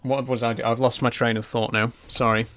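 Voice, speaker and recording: Relaxed and rambling, a man in his twenties chats on a live stream while playing a building game, reading and answering viewers' messages. His voice is mid-range and he talks a little fast.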